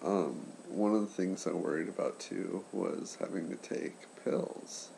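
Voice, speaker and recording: The recording is rough, with faint noise, as a man in his late twenties shares his surgery recovery in a hushed vlog chat. His deep, slow, gravelly voice is congested and his speech impaired after throat and nose surgery. He keeps quiet for someone asleep and speaks haltingly, with trailing pauses.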